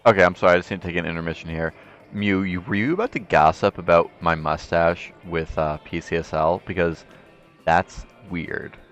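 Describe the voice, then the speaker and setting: A man's voice: low-pitched, normal speed, fairly bright tone, dull audio, faint music behind. A man streaming a game, joking and exclaiming as he reads the game text aloud. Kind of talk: let's play commentary and game text reading.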